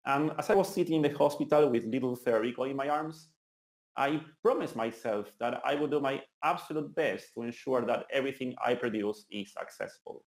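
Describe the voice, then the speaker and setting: A man in his thirties from Argentina delivers a conference talk with an Argentinian accent, speaking fairly quickly in a mid-range voice. Earnest and enthusiastic, he restarts a few times, and the meetup venue hall lends the recording a roomy sound.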